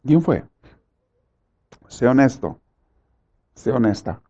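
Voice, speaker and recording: Preacher, male, fervent sermon, loud-soft swings, slightly dull recording. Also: medium pitch, animated, slow, husky. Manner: impassioned, swings from soft to loud, acts out pleading prayers.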